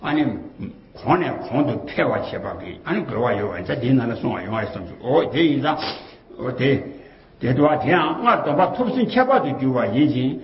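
A man's voice: medium pitch, animated, fairly quick. Rambling man in a roomy, dull recording. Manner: rambling and repetitive, often circling back to the same phrases; colloquial, with frequent fillers and rhetorical questions. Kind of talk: casual rambling talk.

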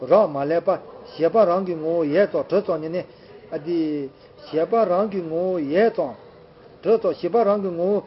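High-voiced man rambling on a lo-fi recording. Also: normal speed. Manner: rambling, repetitive, many fillers. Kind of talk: casual chat. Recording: dull lo-fi recording.

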